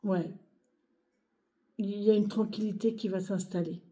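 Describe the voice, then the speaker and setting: A woman's voice: mid-range voice, steady tone, measured pace, dark tone. A woman giving a weekly tarot reading to camera, speaking to viewers in a reassuring way and hesitating often with fillers and repeated phrases. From France. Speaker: tarot reader.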